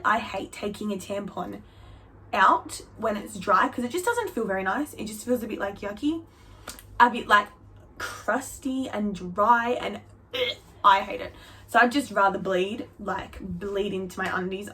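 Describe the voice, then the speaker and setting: A young woman vlogger chatting candidly to camera, her voice jumping up high for emphasis. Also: a little slow, bright, forceful tone, a little hiss or hum. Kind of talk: casual storytelling to camera.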